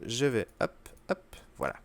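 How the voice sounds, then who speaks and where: Man casually explaining a game run. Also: medium pitch. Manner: relaxed explaining with fillers and quick asides to the game. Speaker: gaming video host. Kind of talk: casual gameplay commentary.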